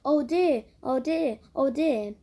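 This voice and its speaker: A posh, jittery young doctor from a storybook, put on by a woman. He stumbles over his words and apologises in a high, raised voice, with a soft, mellow tone. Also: slow pace. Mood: flustered. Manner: flustered, apologetic, stammering.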